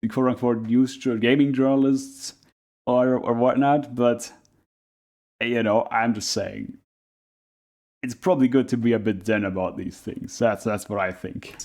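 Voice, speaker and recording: A man's voice: mid-range voice, fairly even intonation, unhurried, darkish tone. A man giving casual live reaction commentary as a streamer, rambling in a laid-back, unbothered way.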